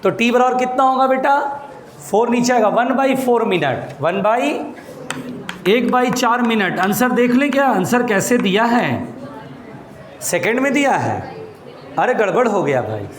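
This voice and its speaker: A man teaching a physics problem to a class, explaining step by step, calling his students "beta" and hushing them when they get noisy. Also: extremely high pitch, expressive, measured pace. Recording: echoey classroom with murmuring students.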